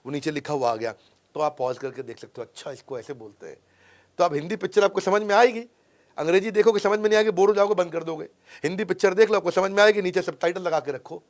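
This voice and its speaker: A middle-aged man giving an energetic lecture in Hindi mixed with English phrases, emphatic and repeating his points. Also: fast. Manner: emphatic, repeats points, acts out film dialogues in a lowered voice. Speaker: motivational speaker teaching English learning tips.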